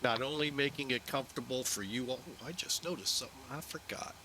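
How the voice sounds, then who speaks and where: A man's voice: medium pitch, fast, background noise. A man giving casual live-stream commentary as a flight simulator host, talking himself through each checklist step.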